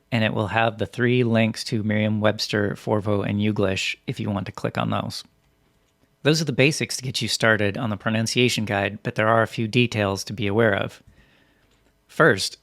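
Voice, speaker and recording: A man reading scripted instructional narration as a software tutorial presenter, in a methodical, step-by-step way. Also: fairly low pitch, no room sound, clean studio sound.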